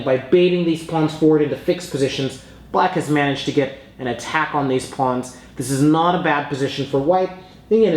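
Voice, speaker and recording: A man giving explanatory chess commentary as an instructor, talking through moves in a measured, informal teaching manner. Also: on the high side, echoey room, low-quality recording.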